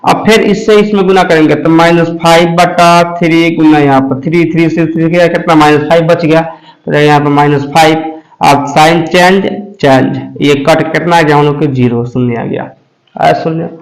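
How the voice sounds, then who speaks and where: High-pitched man tutoring math slowly. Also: fairly even intonation, low-quality recording. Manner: slow, repetitive explaining with frequent check-ins. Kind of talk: blackboard math lesson. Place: coaching class.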